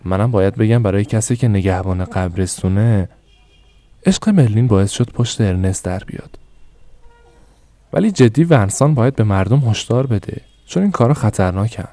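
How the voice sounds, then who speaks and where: A man's voice: fairly low pitch, expressive, warm tone, no room sound. A man voicing an angry, stern father who scolds his son harshly.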